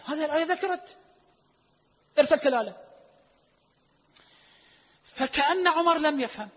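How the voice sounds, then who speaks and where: A man giving a religious lecture, citing sources emphatically, stretching key words and asking rhetorical questions, his volume swinging between loud and hushed. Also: extremely high pitch, lively intonation, normal speed. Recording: dull lo-fi recording with long hall reverb.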